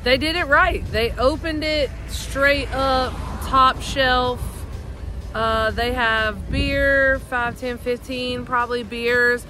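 A woman's voice: high-pitched, fairly even intonation, slow, background noise. Enthusiastic woman co-hosting outdoors. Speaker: co-host. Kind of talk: casual review chat. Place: outdoors by a parking lot.

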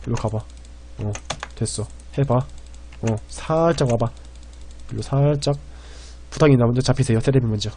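A man streaming and commentating a game, rambling and excitable, swinging between loud panic and quiet muttering. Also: mid-range voice, moderate pace, pauses often, a little hiss or hum.

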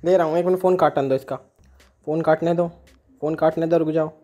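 A young man with a Haryanvi accent, shouting abusively in a staged phone argument at home during a prank. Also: on the high side, fairly even intonation, a little fast, lo-fi sound.

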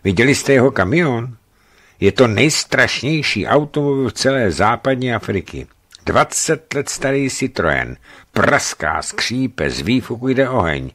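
A man voicing a lively, emphatic woman who runs a hotel, in a radio book reading. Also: mid-range voice, pitched above the performer's own voice. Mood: dramatic. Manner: dramatic, emphatic storytelling. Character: lively hotel directress, middle-aged woman, dramatic gossip.

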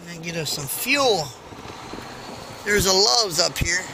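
A truck-driving vlogger with a high, lively voice and some vocal fry chats unhurriedly to his viewers, and to other drivers, while he drives. The low-quality recording was made inside the moving cab, with engine and road noise all around.

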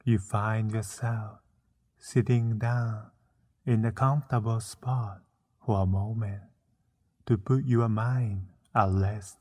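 A man narrating a guided meditation, soothing and unhurried, with frequent pauses between short phrases. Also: lowish voice, fairly even intonation, darkish tone, slightly rough.

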